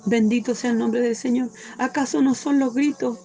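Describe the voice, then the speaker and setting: A woman's voice: a little high, fairly even intonation, moderate pace, dark tone, faint music behind. A woman teaching a Bible study sermon, reading scripture aloud and explaining it fervently, often asking "cierto?" and breaking into praise.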